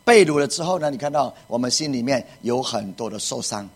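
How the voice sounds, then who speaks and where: Husky-voiced emphatic preacher. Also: male voice, medium pitch, animated, brisk. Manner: emphatic preaching with repeated phrases and rhetorical questions. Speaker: pastor. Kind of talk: sermon.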